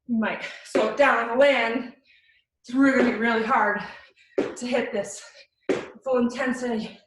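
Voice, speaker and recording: A woman's voice: fairly high pitch, noisy background. A woman fitness instructor coaching a live workout in short, encouraging cues and countdowns. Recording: very echoey room, distant mic.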